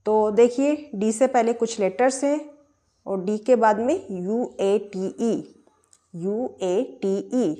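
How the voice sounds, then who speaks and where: A woman's voice: fairly high pitch, takes it slowly, mellow. A woman teaching English pronunciation, spelling words out letter by letter and asking and answering her own questions. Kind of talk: explaining pronunciation rules.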